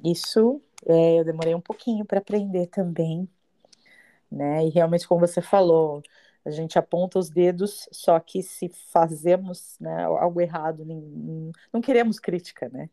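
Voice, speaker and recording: A woman's voice: lowish voice, normal speed. A woman, a mother, co-hosting a casual podcast, agreeing often and sharing reflections. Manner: agreeable, warm affirmations, earnest reflections as a mother. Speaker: podcast co-host. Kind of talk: casual chat.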